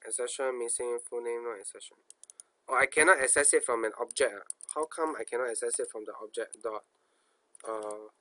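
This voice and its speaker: A man's voice: mid-range voice, bright, forceful tone, no room sound. A man with a Singaporean accent giving an informal coding tutorial, thinking aloud in colloquial speech, asking himself questions and repeating phrases. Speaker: programming instructor.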